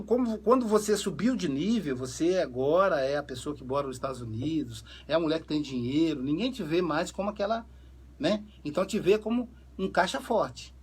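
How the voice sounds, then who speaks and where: A man with a fairly high, husky voice, working as a psychoanalyst. He tells family stories in a relaxed conversational way and gives the people in them their own voices as he goes. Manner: animated storyteller, acts out quoted dialogue. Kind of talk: conversational talk on family relationships.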